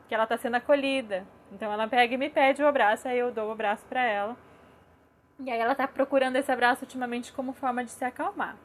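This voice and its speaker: A young adult woman with a Brazilian Portuguese accent, gently explaining parenting ideas in a casual live talk, often checking in with "né?". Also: high voice. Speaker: parenting educator.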